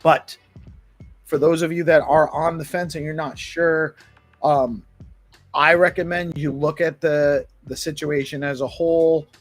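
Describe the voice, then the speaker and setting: A man's voice: fairly high pitch, fairly even intonation, a little slow, no echo, soft background music. A man hosting a casual live community talk, emphatic and given to repeating his points. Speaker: talk show host.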